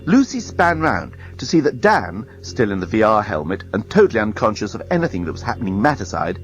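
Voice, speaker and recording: A man reading a science fiction story aloud as a storyteller, expressive and dramatic. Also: lowish voice, fairly quick, soft background music. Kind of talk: read-aloud story narration.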